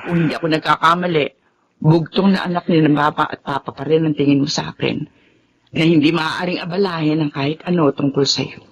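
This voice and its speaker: A woman's voice: low-pitched, steady tone, brisk, husky. An actress in a Tagalog radio drama playing Remedios, a practical, earnest middle-aged woman who reasons matter-of-factly. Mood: firm, persuading.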